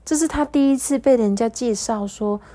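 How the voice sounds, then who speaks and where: A mother reading a storybook aloud to her child, animated and coaxing, pausing to ask questions. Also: fairly high pitch.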